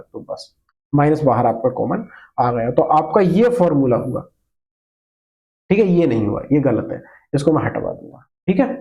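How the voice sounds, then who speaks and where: This math teacher's voice is warm and slightly high, heard through a rough recording. Speaking Hindi mixed with English terms, he patiently explains each step to the class, asking questions and repeating what matters most.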